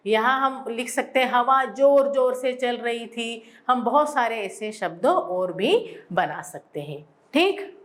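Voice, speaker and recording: A woman teacher giving a school lesson, explaining slowly and answering her own questions. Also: fairly high pitch, expressive, a bit bright. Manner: repeats words for emphasis. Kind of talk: classroom Hindi lesson.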